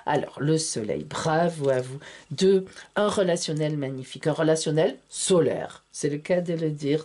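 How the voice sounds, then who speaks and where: Female tarot reader, slow, warm and mellow, big expressive pitch swings, theatrical delivery to viewers. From France. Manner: theatrical, exclamatory, addresses viewers as friends. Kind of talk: tarot reading monologue to camera.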